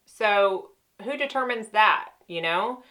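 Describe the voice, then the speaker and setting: A woman's voice: medium pitch, animated, slow, bright, forceful tone. A chatty woman, a makeup artist answering viewer questions in casual chat while doing her makeup. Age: 30s. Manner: chatty, conversational, with frequent fillers.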